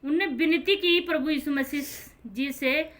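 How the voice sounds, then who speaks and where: A woman gives an earnest, informal Bible explanation in a high, bright, ringing voice. She keeps restating each verse in her own plain words. She speaks directly to her listeners. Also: measured pace.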